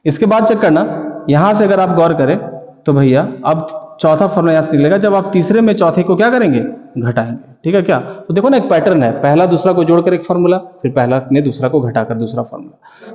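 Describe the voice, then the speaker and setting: A man's voice: fairly high pitch, lively intonation, fast talker, a little mellow. A man teaching maths in a chatty, coaxing way, explaining with homely stories and checking in with students. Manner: colloquial and coaxing, keeps asking "okay?". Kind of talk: chatty classroom lesson. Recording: echoey room with long reverb, dull lo-fi sound.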